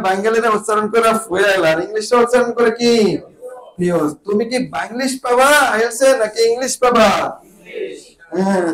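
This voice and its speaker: A man from Bangladesh leads an IELTS reading lesson in a high voice. He walks the class through the text and keeps checking that they follow with short repeated questions. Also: fairly bright tone, poor audio. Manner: drills students with repeated questions. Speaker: IELTS teacher.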